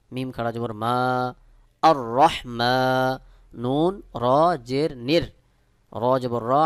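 A man teaching Quran recitation in Bengali-accented speech. He spells each letter and vowel mark, then recites the words slowly. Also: medium pitch, no room sound, clean studio sound. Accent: Bangladeshi Bengali. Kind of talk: step-by-step recitation lesson.

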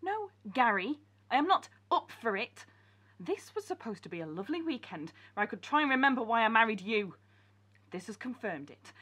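Woman playing a sharp-tongued, fed-up wife. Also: high-pitched, husky, exaggerated voice. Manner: exasperated and scolding.

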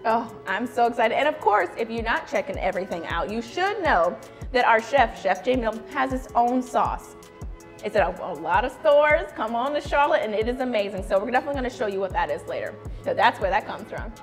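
A woman's voice: fairly high pitch, very animated, a little fast, faint music behind. A young woman co-hosting a TV cooking show in a studio, bubbly and enthusiastic, laughing often, on a lapel mic. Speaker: co-host. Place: TV studio set with city backdrop.

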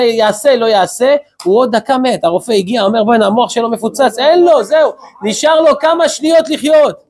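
A male rabbi preaching a sermon to a congregation, firing off rhetorical questions and telling stories with quoted exchanges. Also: high voice. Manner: acts out short quoted exchanges in storytelling.

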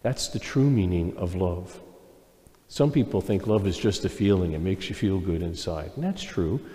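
A man serving as priest, reading the Gospel and preaching a homily at Mass in a calm, plain storytelling way for children, his voice carried by a cathedral echo in a large church. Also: low-pitched, moderate pace. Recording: long echoey church reverb.

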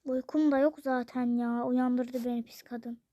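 A child doing a gruff, bossy father who snaps commands in a toy role-play game. The voice stays very high and unhurried, and the recording is close and dry. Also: fairly even intonation, dark tone, no room sound. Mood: grumbling. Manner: gruff, barking orders. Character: grumpy bossy father, rude and shouting.

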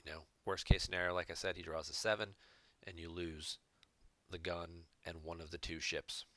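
A man's voice: low-pitched, level tone, normal speed, fairly bright tone. A man commentating on a recorded card game match, explaining each play step by step from home. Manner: analytical, explains plays step by step. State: hiccups. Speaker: game reviewer. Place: home room.

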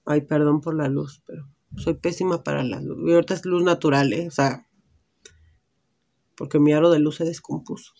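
A woman's voice: low-pitched, steady tone, normal speed, vocal fry, darkish tone. A woman with a Mexican accent, chatting casually and thinking aloud while she tries on lipsticks at home. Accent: Mexican Spanish. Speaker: beauty vlogger. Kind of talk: casual lipstick try-on vlog. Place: indoors at home, natural light.

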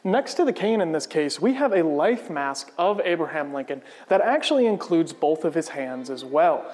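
A man hosting a museum history program, giving scripted narration in a clear, measured presenter's delivery. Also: a little high, big pitch swings, a little mellow.

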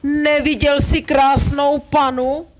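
A woman's voice: high-pitched, little pitch movement, slight background noise, close to an everyday voice. A woman playing a lovesick, eager young prince, declaiming poetic verse in a puppet play. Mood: lovesick, dreamy.

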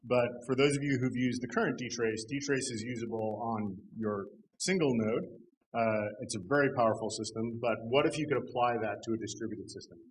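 A middle-aged man presenting a technical talk at a conference, relaxed and conversational, with dry humor and frequent "um"s. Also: medium pitch, a little fast, slight background noise, rough recording. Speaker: conference speaker. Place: conference hall.

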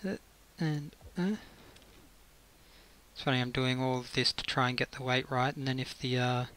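With a steady, bright and forceful mid-range voice at a moderate pace, a man narrates his building in a laid-back gaming video, half talking to himself. Faint hissing and clicking can be heard.

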